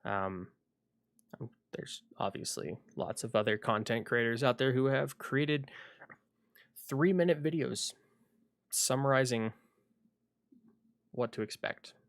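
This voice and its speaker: A man chatting casually on a solo livestream, rambling and thinking aloud with frequent pauses, at home at his computer. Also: mid-range voice, vocal fry, no room sound, studio quality.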